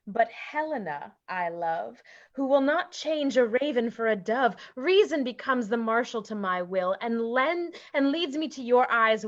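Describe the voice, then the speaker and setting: A woman's voice: on the high side, muffled recording. A woman playing an ardent young male lover. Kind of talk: Shakespeare reading.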